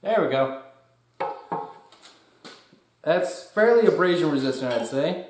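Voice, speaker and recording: In his garage workshop, a young DIY tester casually talks through his tests, thinking aloud plainly as he works. His fairly high voice is expressive, a little slow and slightly mellow. A camera across the room records it, giving a roomy sound.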